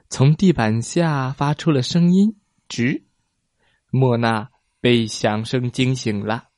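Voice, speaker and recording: A man narrates a children's story at an unhurried pace. He reads with an expressive storytelling manner. The sound is dry and close to the mic. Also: mid-range voice, dry recording. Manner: slow and expressive.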